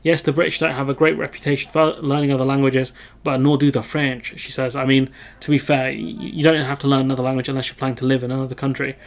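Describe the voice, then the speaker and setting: On his own channel, a man from the United Kingdom reads the news and interjects meandering, self-revising remarks riddled with ums. His voice is mid-range, barely moves in pitch, and goes at a quick clip.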